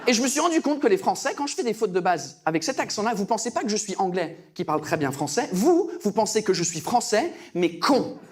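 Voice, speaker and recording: A man's voice: high-pitched, big pitch swings, fairly quick, husky. A young British man doing self-mocking stand-up comedy on a stage, breaking into laughter. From Britain.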